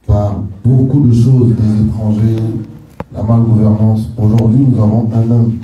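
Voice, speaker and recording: A man's voice: lowish voice, dark tone. A man, a political activist, giving an emphatic, repetitive speech to a community gathering. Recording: echoey room, from far off.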